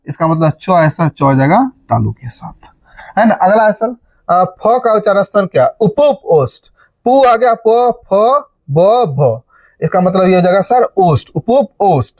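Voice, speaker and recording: A lively grammar teacher from Bihar, India, speaks in a high voice with no echo. He chants memory formulas in a sing-song way, repeats key terms, and tests his students by asking "बात समझ रहे हैं?".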